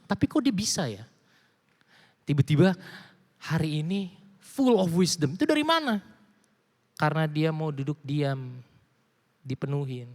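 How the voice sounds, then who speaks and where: A young man preaching casually to a youth group, slangy and animated, mixing in English phrases. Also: on the high side. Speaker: youth pastor. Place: church hall. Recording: long hall reverb.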